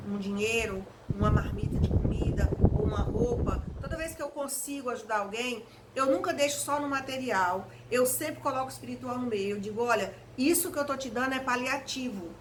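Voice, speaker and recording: A woman preaches an earnest home devotional, urging her listeners on directly in a fairly high voice. An electric fan blows straight into her face as she talks. Its steady whir runs loud under every word of the home recording. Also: a little fast, few pauses, slight background noise, rough recording. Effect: electric fan blowing right in her face while she talks. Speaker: evangelical lay preacher. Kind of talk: home devotional reflection video. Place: hot room at home.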